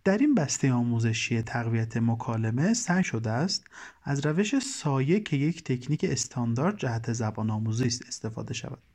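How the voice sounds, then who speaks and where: A language teacher explaining a conversation lesson in calm, measured instructional narration. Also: medium pitch.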